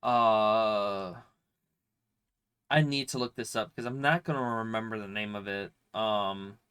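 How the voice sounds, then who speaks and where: A streamer with a slight cold and a stuffy nose answers viewer questions in casual chat, rambling, using plenty of fillers and swearing freely. His nasal voice is lowish, steady, smooth and fairly bright, a little slow.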